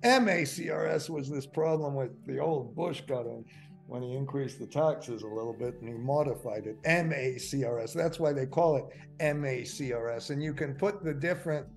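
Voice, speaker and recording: An older man giving a webinar finance lecture. He rambles, stumbles over fillers and corrects himself, and gets excited now and then. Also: mid-range voice, normal speed, gravelly, faint music behind. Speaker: finance instructor.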